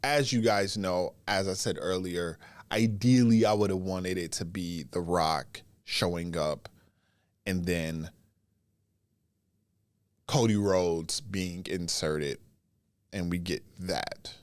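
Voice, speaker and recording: Congested and stuffy as he gets over a cold, this wrestling podcast host offers casual solo commentary, stretching his phrases and pausing often. He has a low-pitched, smooth voice, recorded with no echo.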